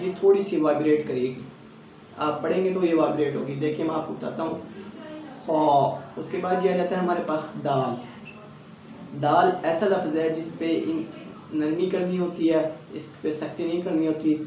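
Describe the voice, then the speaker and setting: A man with a Pakistani Urdu accent teaching Quran letter pronunciation, patiently explaining each letter and then saying it slowly as a model. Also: fairly high pitch, darkish tone. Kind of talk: step-by-step pronunciation lesson. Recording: echoey, distant, dull lo-fi sound with faint background hum.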